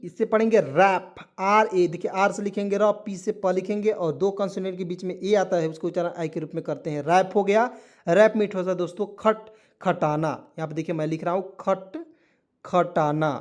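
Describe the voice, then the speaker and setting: A man teaching a spoken language lesson to viewers, spelling words letter by letter and asking them repeated quiz questions. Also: high voice.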